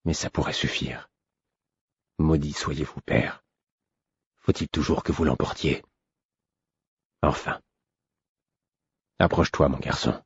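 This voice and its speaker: A man voicing a weary, gruff royal man who speaks low and tired but stays kindly. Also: animated, a little slow, long pauses, darkish tone, no room sound, muffled recording, heavily acted. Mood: strained murmur.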